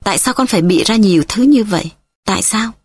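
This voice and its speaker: A woman's voice: medium pitch, quick pace, darkish tone, slightly rough, no echo, natural voice. A woman reading the part of a worried young female tutor who presses a child with urgent questions, in an audiobook. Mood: pressing.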